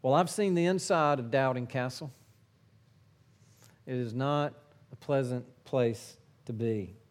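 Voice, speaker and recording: Slow, earnest male preacher. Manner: slow, earnest preaching, swinging between forceful emphasis and hushed low phrases. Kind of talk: sermon.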